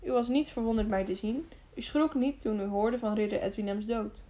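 A woman reading a young male squire in an audiobook, earnest and quiet. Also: a little high, brisk, close to an everyday voice.

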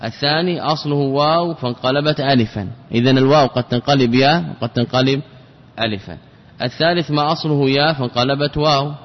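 Male teacher, patient drilling delivery, lo-fi recording in a reverberant hall. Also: medium pitch. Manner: repeats words slowly and drills each example. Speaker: teacher of Arabic grammar. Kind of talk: classroom lesson.

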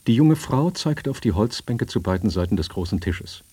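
A man narrating a literary story in a measured, even storytelling manner. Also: lowish voice, slightly rough, no room sound.

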